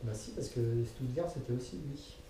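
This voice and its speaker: A man's voice: mid-range voice, normal speed, warm tone. A man co-hosting a casual draw, teasing his friend and announcing clubs like a mock commentator. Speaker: co-host of a fantasy football draw. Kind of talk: casual banter. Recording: echoey room, distant mic, faint hiss.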